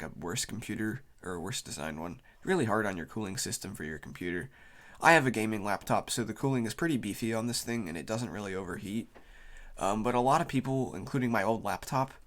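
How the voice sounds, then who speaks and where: Sounding tired and suffering from a cold, a male video host on YouTube gives a loose, rambling, unscripted explainer. His pitch is fairly low with a bit of brightness.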